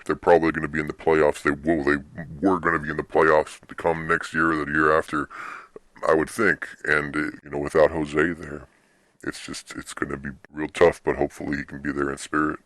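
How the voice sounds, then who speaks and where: Young male sports host, extremely deep, dry close sound, informal and meandering solo commentary. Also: level tone, brisk, fairly bright tone, no echo. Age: young adult.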